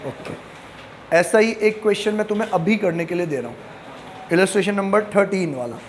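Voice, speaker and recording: A man's voice: high-pitched, a little fast, a little hiss or hum. A man teaching an accounting class, asking questions and answering them himself, mixing English terms into Hindi and teasing his students. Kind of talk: classroom lecture.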